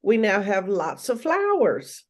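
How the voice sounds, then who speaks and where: A woman's voice: mid-range voice, huge pitch swings, slow. An older woman, a therapist and life coach, chatting casually as a guest, sounding stuffy from allergies. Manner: chatty and laughs easily. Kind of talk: casual chat.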